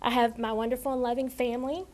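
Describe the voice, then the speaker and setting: A woman's voice: a little high, flat delivery, fast talker, darkish tone, slight background noise. A woman with a Tennessee accent giving an earnest, formal prepared thank-you speech as a new assistant principal. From Tennessee, United States. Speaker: newly appointed assistant principal.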